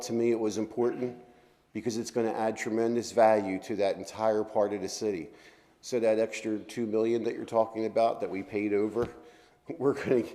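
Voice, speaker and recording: A man's voice: on the low side, warm tone. A man on a city council responding to public comments in a plainspoken, defensive way.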